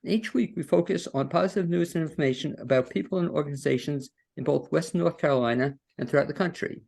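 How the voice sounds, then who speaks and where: A man with a gravelly, darkish voice pitched a little high hosts an interview podcast, speaking at a quick pace. He works from his home studio over a video call, and his folksy delivery rambles with fillers and restarts.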